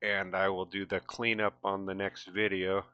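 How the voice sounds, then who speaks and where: While playing a video game, a man with a lisp caused by missing teeth hosts a gameplay video, offering casual, sweary, self-deprecating commentary. His voice is deep and level at a moderate pace, with a clean tone, though the dry recording sounds muffled. Loud gunfire and game noise sit behind his voice.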